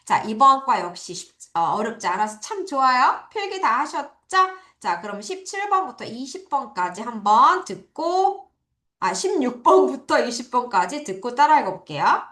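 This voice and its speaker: A woman teacher giving an online vocabulary lecture, drilling pronunciation by slowly repeating words for her students. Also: high-pitched, big pitch swings, pushed and bright. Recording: echoey room.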